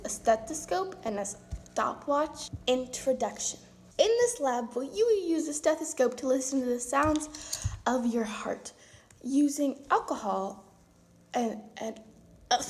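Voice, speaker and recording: A woman's voice: a little high, a little mellow. A young woman with the hiccups reading science lab instructions aloud at home, with casual asides. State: has the hiccups. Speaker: vlogger doing a school science lab at home. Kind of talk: casual home video chat.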